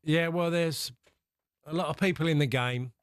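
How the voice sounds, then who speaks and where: A man working as a pundit, talking reflectively and conversationally, thinking aloud in a halting way. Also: fairly high pitch, no room sound, clean studio sound.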